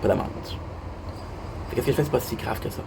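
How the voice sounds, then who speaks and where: A man's voice: mid-range voice, quick pace, gravelly. A young Québécois man telling a rambling story in a casual monologue, repeating himself and swearing casually. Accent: Québécois French. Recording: noisy background hum.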